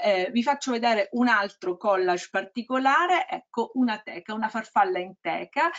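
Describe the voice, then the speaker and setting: Fast-talking woman with dull lo-fi audio. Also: mid-range voice, a bit bright. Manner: fast-talking, many hesitations, explanatory. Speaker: art teacher trainer. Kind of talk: presenting a teacher training webinar.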